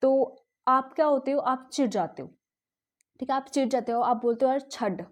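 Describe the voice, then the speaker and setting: A woman's voice: high voice, fairly even intonation, moderate pace. A woman teaching an exam-prep lesson on memory tricks in a chatty way, mixing English words into her talk and checking "okay?" after nearly every sentence. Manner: mixes English words into Hindi.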